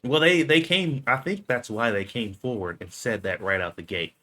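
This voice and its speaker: A man's voice: medium pitch, normal speed, pushed and bright. A man co-hosting a live stream in loose, slangy casual chat, laughing often.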